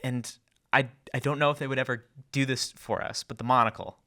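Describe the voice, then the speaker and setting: A young man co-hosting a podcast, chatting in quick animated rambling bursts. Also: medium pitch. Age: young adult. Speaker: podcast co-host. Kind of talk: casual chat.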